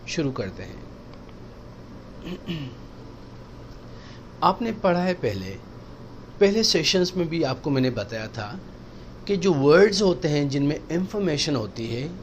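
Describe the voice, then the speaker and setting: A man teaching spoken English, explaining slowly and repeating example sentences for practice. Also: a little high, slight background noise.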